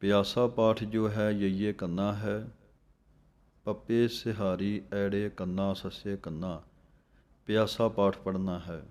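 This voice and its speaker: Male scripture teacher, low flat delivery, very slow and methodical. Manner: recites verses slowly, then explains letter by letter. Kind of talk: slow recitation lesson with spelling explanations.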